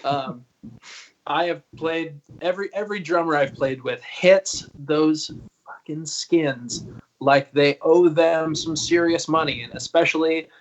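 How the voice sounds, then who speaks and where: Poor audio with slight hiss or hum carries this guest singer's fairly high, measured voice. In his early thirties and on a video call, he tells stories in a laid-back, rambling interview chat, cursing freely and laughing a lot.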